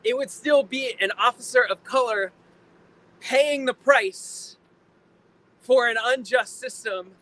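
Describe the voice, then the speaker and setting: A man giving an impassioned protest speech like a preacher, emphatic and deliberate, repeating phrases for effect. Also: extremely high pitch, bright, forceful tone. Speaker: preacher, rally speaker. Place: outdoors at a rally in town. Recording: noisy outdoor urban recording, faint traffic.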